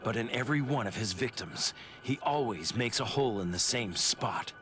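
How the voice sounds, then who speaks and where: A man's voice: mid-range voice, expressive, moderate pace, faint music behind, lightly acted. Grimmjow, a man voicing a snarling brawler. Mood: cocky. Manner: snarling, cocky, bossy. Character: brash, violent young male warrior spirit. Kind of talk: game cutscene voice acting.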